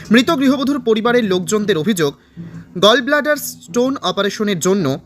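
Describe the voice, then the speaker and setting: A man reading a local news report in a formal, even voice-over. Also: high voice. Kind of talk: scripted news narration.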